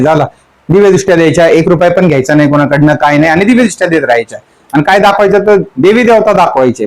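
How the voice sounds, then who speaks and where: A spiritual teacher gives a sermon explaining song lyrics, asking his listeners question after question and repeating the song line again and again. His voice sits high, and the recording is rough.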